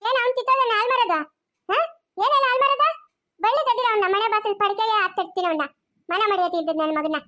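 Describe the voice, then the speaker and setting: A woman's voice: very high voice, lively intonation, brisk, long pauses, heavily acted. A woman playing an enraged older woman who hurls insults in a rural in an amateur family drama. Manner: shouting insults.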